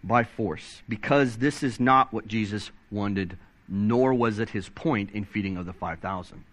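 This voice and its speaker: A man preaching a sermon, excitable and animated, reading scripture aloud and swinging his pitch up and down as he stresses points. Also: a little slow. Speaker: pastor.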